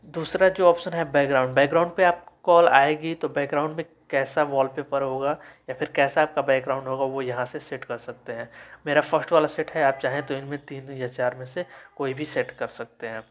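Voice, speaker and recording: A man giving a step-by-step phone settings tutorial, reading menu labels out slowly and correcting himself often. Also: mid-range voice, fairly even intonation, dull audio. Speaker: tech tutorial host. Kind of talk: screen-recorded phone settings walkthrough.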